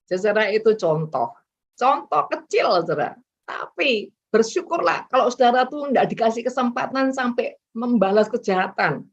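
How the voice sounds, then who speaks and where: Lively woman preacher, muffled sound. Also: on the high side, normal speed. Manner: lively, acts out quoted voices, addresses listeners directly. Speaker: evangelist preacher. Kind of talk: sermon. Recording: dull muffled recording.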